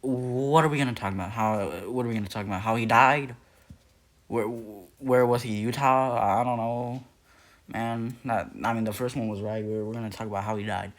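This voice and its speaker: A young Nepali man narrates lore casually for YouTube, his mid-range voice fairly even in intonation and normal in speed. He rambles, filling gaps with fillers and often restarting or correcting what he says.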